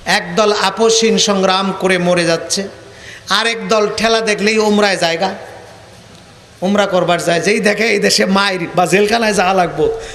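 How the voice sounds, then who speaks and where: A man with a high voice and a colloquial Bangladeshi accent preaches a sermon. He tells stories and mocks the people in them by acting out their lines. The room echoes, with a faint hiss of noise behind him. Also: fairly even intonation, moderate pace, fairly bright tone. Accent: colloquial Bangladeshi Bengali. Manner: storytelling with acted dialogue and mockery.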